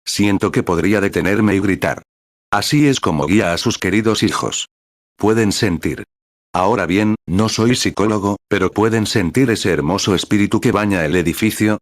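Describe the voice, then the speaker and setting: A man's voice: lowish voice, normal speed, dry recording, studio quality. A man preaching a sermon in Spanish translation, with fervent exclamations and scripture readings.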